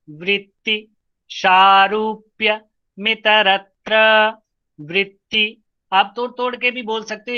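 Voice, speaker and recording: A man's voice: high voice, bright, forceful tone, dull audio. A male yoga teacher leading an online class, chanting Sanskrit verses word by word and strictly correcting pronunciation. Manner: chants sutras slowly word by word, then explains quickly. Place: online class over video call.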